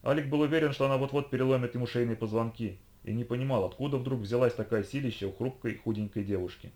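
A man reading an audiobook in a steady, measured way. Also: medium pitch. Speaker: audiobook reader. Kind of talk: audiobook narration.

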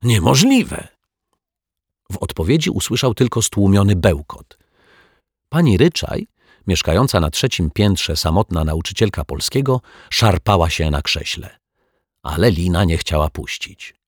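A man narrating a children's story in an expressive, unhurried manner. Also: deep voice, slightly rough, no echo, studio quality.

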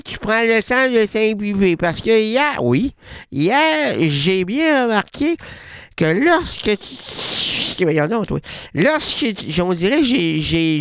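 Québécois man, radio host, rambling surreal monologue, lively swooping pitch, gravelly edge. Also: no room sound, clean studio sound. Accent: Québécois French. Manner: rambling and playful, with wordplay and restarts. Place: radio studio.

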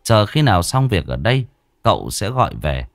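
A man narrates a ghost story with an expressive, dramatic reading. His voice is very deep and swings widely in pitch. The sound is close and dry. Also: normal speed, no echo.

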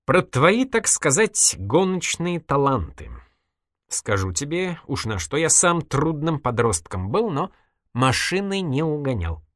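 A man's voice: a little high, big pitch swings, a little slow, a bit bright, no room sound, clean studio sound, pitched above the performer's own voice. A reader voicing an evasive, wisecracking male journalist in an audiobook, ironic and mock-innocent. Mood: wry. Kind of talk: audiobook character voice.

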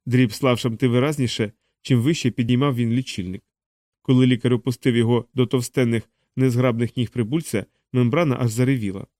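A man narrating an audiobook in a measured, steady reading voice on a close studio mic. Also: mid-range voice, no echo.

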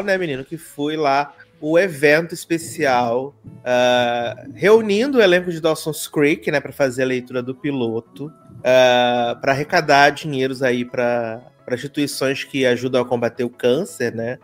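A man with a Brazilian accent hosting a podcast, chatting in a gossipy, animated way and swearing casually. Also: a little high, normal speed, few pauses, soft background music. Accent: Brazilian Portuguese. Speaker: podcast host. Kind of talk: casual chat.

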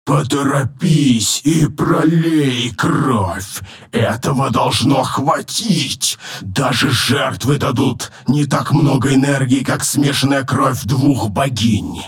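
A man voicing an arrogant, cruel male demon lord in an audiobook, his rough, rumbling voice thickened with a layered demonic effect. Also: exaggerated voice. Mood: commanding. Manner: slow, menacing, commanding. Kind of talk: audiobook narration with voiced characters.

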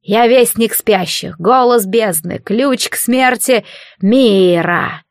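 A frenzied male zealot drawls his doom-laden invocations, loud, slow and heavy with triumph, as a woman narrator puts him on. The storybook voice sits close and dry, with no room around it. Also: fairly high pitch, no room sound. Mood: gloating. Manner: ecstatic, slow proclaiming. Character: fanatical male villain proclaiming the abyss.

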